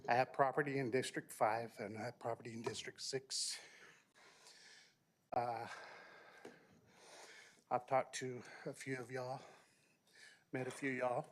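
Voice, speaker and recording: A man giving an informal, improvised public comment at a city council meeting, out of breath. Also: mid-range voice.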